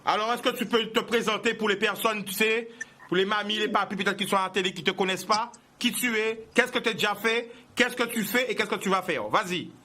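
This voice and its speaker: Brief: male talk host, very high and bright voice, emphatic and pushy. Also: brisk. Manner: emphatic, rising to near-shouts when indignant. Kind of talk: live interview.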